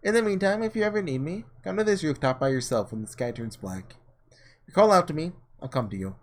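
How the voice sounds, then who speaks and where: Animated and brisk, his voice is on the high side. This gaming video host reads visual novel text in a casual playthrough, thinking aloud in an offhand way.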